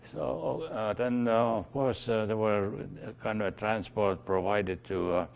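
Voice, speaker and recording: Older man, from Estonia, Estonian native speaker, gravelly voice, hesitant storytelling, frequent fillers. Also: on the low side, steady tone, slight background noise. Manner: halting, many fillers and restarts. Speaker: interviewee. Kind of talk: oral history recollection.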